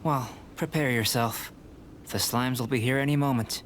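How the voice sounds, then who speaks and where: A man voicing Albedo, a calm, curious young alchemist who talks in measured, polite scholarly phrasing. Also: mid-range voice, background noise, natural voice. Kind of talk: video game voice acting. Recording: game audio with clear background music.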